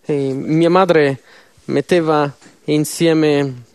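A man interpreting a church sermon in an earnest, measured way with slow pauses. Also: a little high, fairly even intonation, a little mellow, no room sound.

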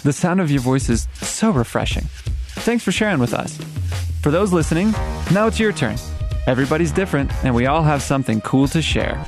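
A man's voice: fairly high pitch, expressive, brisk. Playful male show host over music. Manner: playful and theatrical. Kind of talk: scripted show presenting. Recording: voice over a clear music bed. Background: background music.

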